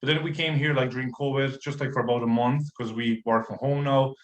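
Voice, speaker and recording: A man from Croatia in his thirties, a podcast guest telling his story in relaxed, casual conversation full of fillers and restarts. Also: medium pitch, brisk. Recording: roomy echo.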